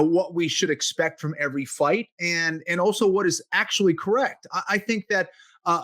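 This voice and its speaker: Male co-host and fight analyst, somewhat high pitch, easygoing and rambling, dry mic. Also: no echo. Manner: relaxed, loose, many fillers like "you know". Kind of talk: casual sports podcast chat.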